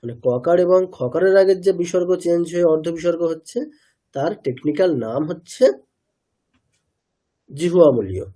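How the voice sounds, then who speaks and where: A man with a fairly high but mellow voice leads a pronunciation class. He keeps quizzing his students and echoes their answers back to them. He sounds out single syllables several times over to show how they are made. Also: animated, normal speed, pauses often. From India. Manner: asks students questions and repeats answers; demonstrates sounds by repeating syllables. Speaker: Sanskrit pronunciation teacher. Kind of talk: online class lecture.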